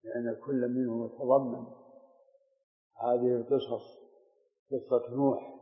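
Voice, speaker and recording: An older sheikh explains a passage in a flat, gravelly voice. It sounds like a thin, phone-like recording from a lecture hall with a long, roomy echo. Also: male voice, medium pitch, measured pace. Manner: interrupts the reader with short questions, then explains quietly. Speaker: sheikh teaching Quran commentary. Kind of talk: live classroom commentary.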